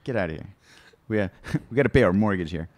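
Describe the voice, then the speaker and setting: A man's voice: on the low side, lively intonation, fast, no echo. A male comedian guest chatting casually on a podcast, telling candid, rambling stories and laughing between lines. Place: studio.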